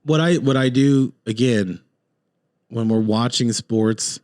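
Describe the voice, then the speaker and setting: A man's voice: medium pitch, takes it slowly, darkish tone, dry recording, clean studio sound. Opinionated man hosting a casual podcast. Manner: opinionated, rambling, joking. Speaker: podcast host. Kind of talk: casual sports chat.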